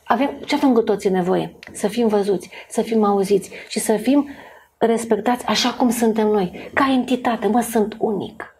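Woman, podcast guest, relaxed chat, animated, slips into quoted voices, higher pitch. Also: a little hiss or hum.

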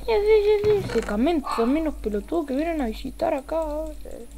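A young woman with an Argentine accent doing live gameplay commentary as a streamer, excitable, swearing casually and swinging from low mutters to sudden yelling. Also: brisk, creaky, noisy background. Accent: Argentine Spanish.

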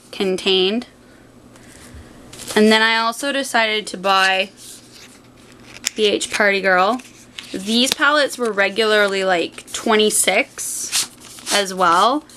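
A bright-voiced Canadian vlogger in her twenties speaks quietly in a mid-range voice during a casual unboxing and review chat, since someone is sleeping nearby at night. She's in a small room indoors at home, recorded on a camera mic a short distance away with faint background noise.

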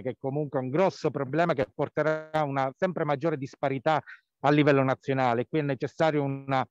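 A man speaking over a mobile phone from an outdoor square, reporting from a rally as a health care worker and activist, halting with many fillers. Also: fairly high pitch, a little mellow, smooth, dry recording. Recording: dull lo-fi phone line.

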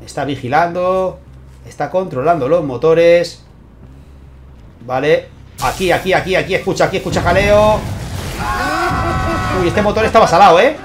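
A man with a Spain Spanish accent, hosting his channel and commentating a tournament match, excitable and constantly checking in with his viewers. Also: sits high, normal speed, long pauses, soft background music. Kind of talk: gameplay commentary.

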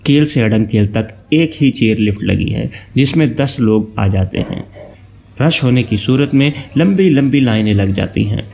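A man from Pakistan, giving a steady, informative travel-guide voice-over that lists places one by one. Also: medium pitch, normal speed, gravelly. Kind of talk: scripted travel narration.

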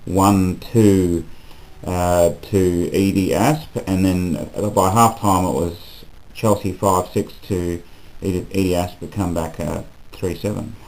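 A man prompting a co-host through a match review with brisk questions and scores. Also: low voice, fairly even intonation, darkish tone, rough recording. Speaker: co-host interviewer. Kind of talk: casual post-match review.

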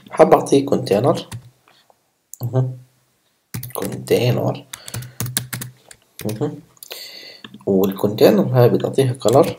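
A man's voice: medium pitch, gravelly, warm tone. A man teaching a casual coding tutorial, chatting with viewers as he types at his computer. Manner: chatty, talks to viewers while typing code. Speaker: programming instructor. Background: keyboard typing.

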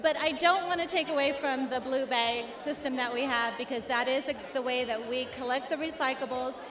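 Her voice is high and fairly quick as this middle-aged company representative earnestly explains what she does, frequently starting over. An interviewer holds the handheld mic in an indoor expo hall in front of a backdrop, where crowd noise echoes.

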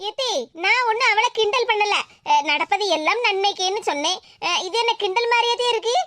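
A woman's voice: very high voice, brisk, pushed and bright, no room sound, clean studio sound. A woman voicing a cheeky, argumentative young cartoon girl with a Tirunelveli Tamil accent. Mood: defiant. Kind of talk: cartoon voice acting.

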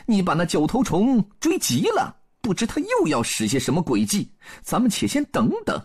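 A man voicing a brash, clever monkey hero in a high, sharp, excitable storybook voice. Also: normal speed, husky, full character voice. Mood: shrewd, urging. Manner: excitable, swooping delivery.

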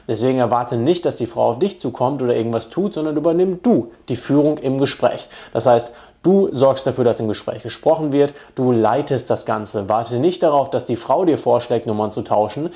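A man coaching viewers on dating, speaking in a direct, confident manner. His voice sits in a middle pitch with a warm, dark, mellow timbre. He explains point by point like a teacher. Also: fairly quick, few pauses. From Germany. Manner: direct, confident advice-giving. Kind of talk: instructional video talk to camera.

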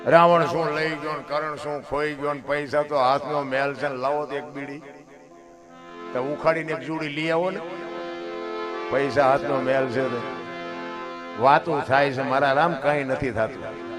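A middle-aged man with a Kathiawadi Gujarati accent telling folk stories and moral sayings in a folksy manner. He calls his listeners "bapu" and now and then bursts into high, loud exclamations. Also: steady tone, normal speed, pauses often, over music. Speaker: folk storyteller. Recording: musical accompaniment playing behind the voice.

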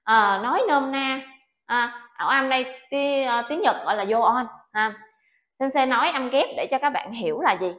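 A woman's voice: high voice, normal speed, a bit bright, highs cut off. A woman teaching an online Japanese alphabet lesson, patient and coaxing, often checking that her students follow. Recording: echoey room.

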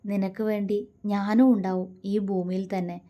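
A woman's voice: mid-range voice, level tone, moderate pace, lightly acted. A woman voicing a tender, protective young man who coaxes and comforts his lover. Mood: tender firm. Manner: soft, affectionate, coaxing.

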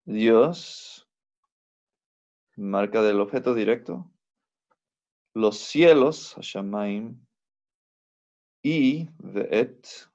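A man teaching a recorded language lesson, slow and patient, repeating each word so it can be pronounced. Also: lowish voice, a little mellow, muffled recording. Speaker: biblical Hebrew teacher.

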